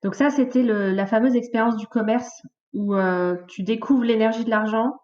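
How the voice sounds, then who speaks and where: A woman's voice: fairly high pitch, normal speed, highs cut off. Chatty woman in her late thirties, storytelling. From France, of Portuguese origin. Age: late 30s. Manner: lively storytelling, addresses host informally, many fillers. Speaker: podcast guest. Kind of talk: casual conversational interview.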